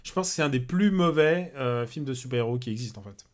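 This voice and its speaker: A man's voice: mid-range voice, lively intonation, fast talker. Hesitant man in casual podcast chat. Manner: hesitant, many fillers, blunt scorn. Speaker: podcast co-host.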